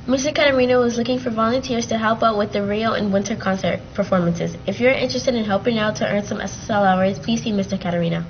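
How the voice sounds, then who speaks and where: A teenage girl reads the morning announcements for her school's TV show. She takes her time over dates and codes, keeping an even, practiced pace. The sound is a bit muffled, with a faint rumble behind her. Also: fast talker, few pauses. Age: teens. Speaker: student news anchor. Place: school TV studio, green screen.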